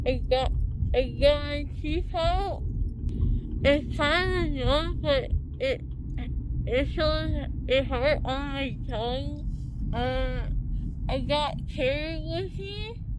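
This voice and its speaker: Groggy, teary young woman, slow and high. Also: a little mellow, slight background noise, low-quality recording. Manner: halting, stumbling speech with many fillers. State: groggy and tearful after anesthesia. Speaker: vlogger. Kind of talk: groggy after-surgery vlog.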